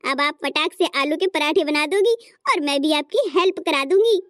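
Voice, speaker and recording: A woman's voice: high voice, moderate pace, dry recording, clean studio sound, natural voice. A woman voicing a sweet teenage sister-in-law. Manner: earnest, pleading. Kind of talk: cartoon story voice acting.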